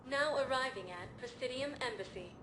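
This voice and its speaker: A woman voicing a calm ship computer. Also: fairly high pitch, background noise, natural voice. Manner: slow, even, polite announcer delivery. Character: calm female computer voice announcing elevator stops. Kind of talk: game dialogue. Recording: roomy echo with game music behind.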